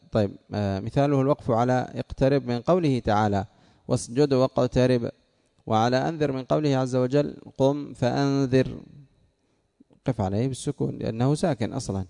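In a mellow, mid-range voice touched with vocal fry, this teacher leads a lesson on Arabic morphology. He walks through each rule in steps and tests the class with questions.

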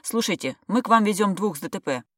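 A woman voicing a blunt, brusque female paramedic partner who talks loud, high and scolding. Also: expressive, fast talker, no room sound, clean studio sound. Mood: commanding.

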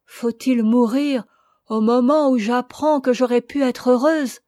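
A woman's voice: a little high, a little slow, warm tone, no room sound, studio quality, natural voice. A woman reading the part of a passionate, despairing young woman in an audiobook, with an impassioned, pleading delivery.

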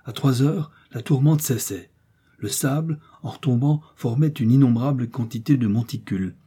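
A man narrating a classic adventure novel as an audiobook, telling it with steady drama. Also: medium pitch, moderate pace, slightly rough. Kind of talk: scripted narration.

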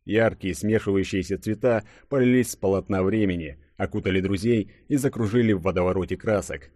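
A man reading an audiobook in a dramatic, measured storytelling manner. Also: low-pitched, mellow, no echo, studio quality. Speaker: audiobook narrator. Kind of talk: scripted audiobook narration.

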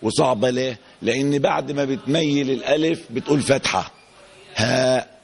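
A man with an Egyptian accent teaching a Quran recitation lesson, quizzing the class and drawing out example words slowly. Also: mid-range voice, vocal fry. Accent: Egyptian Arabic.

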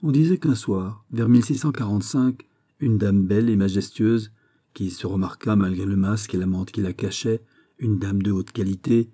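A man's voice: on the low side, moderate pace, dark tone, lightly acted. A man reading a scheming older duchess from a classic novel, with a confiding, insinuating manner.

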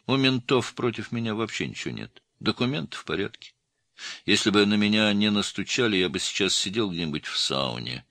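A gruff, curt criminal prisoner, put on by a male audiobook reader, speaking in a very deep, dark, gravelly-low register that sinks lower still when he turns guarded. His lines are terse, clipped and tight. The recording is dry and close, with no room sound at all. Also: big pitch swings, a little fast, no echo.

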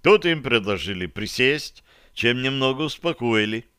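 A male narrator reads an audiobook in an even, measured way. His voice sits in a middle pitch and sounds clear and resonant, recorded close and dry. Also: dry recording. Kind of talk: scripted narration.

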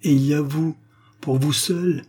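A man's voice: fairly high pitch, fairly even intonation, measured pace, warm tone, husky, pitched above the performer's own voice. Man voicing a passionate young climber. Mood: impassioned. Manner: passionate, lyrical. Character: passionate young mountaineer in love.

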